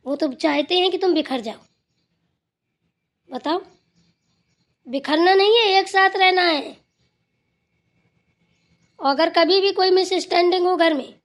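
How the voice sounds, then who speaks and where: A woman voicing a stern, wise old grandmother in a cartoon who scolds and lectures the family. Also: high-pitched. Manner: scolding, then lecturing with advice. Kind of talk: cartoon voice acting.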